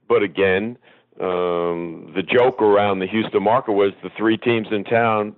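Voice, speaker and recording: A man being interviewed as a guest, telling long rambling anecdotes with many pauses and ums. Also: lowish voice, dry recording. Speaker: guest, former soccer executive. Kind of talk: reminiscing interview storytelling. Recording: tinny phone line.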